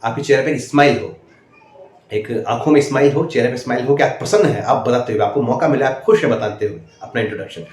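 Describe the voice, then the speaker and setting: A man giving casual, instructive advice to interview candidates, often tagging his sentences with a quick "है ना". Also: medium pitch, a little mellow. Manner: repeats "है ना" as a tag, direct and instructive. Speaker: interview coach. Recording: echoey room, faint ambient noise.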